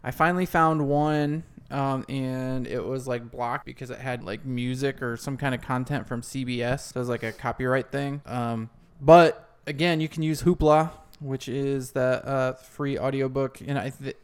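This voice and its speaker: Smooth-voiced man hosting a podcast. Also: mid-range voice. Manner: rambling, chatty, laughs often. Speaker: podcast host. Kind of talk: casual chat.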